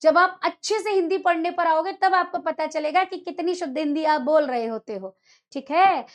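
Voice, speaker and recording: Young woman hindi teacher, very high voice, talks to the class in a teasing chatty way. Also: moderate pace. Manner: chatty, scolding-teasing, addresses students as beta and bhaiya. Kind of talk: online exam-prep lecture.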